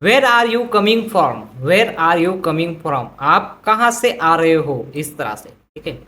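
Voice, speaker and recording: A woman teaching English vocabulary who says each phrase slowly twice and then explains it in Hindi. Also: on the low side, animated, a bit bright. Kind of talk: vocabulary lesson.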